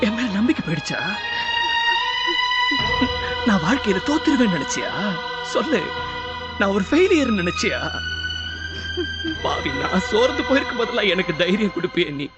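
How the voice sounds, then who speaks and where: A man's voice: sits high, very animated, normal speed, pauses often, over loud music. An actor playing a heartbroken young man who accuses his former lover, pleading and repeating himself, with a Tamil accent, in a TV serial. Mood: anguished. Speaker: jilted lover confronting his ex. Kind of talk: TV serial acting.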